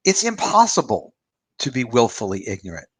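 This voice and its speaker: A man's voice: mid-range voice, wildly swooping pitch, normal speed, fairly bright tone, breathy edge, dry recording. A man in his fifties, an author and publisher, giving his opinions in a rambling, casual livestream chat with a dry close sound. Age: 50s.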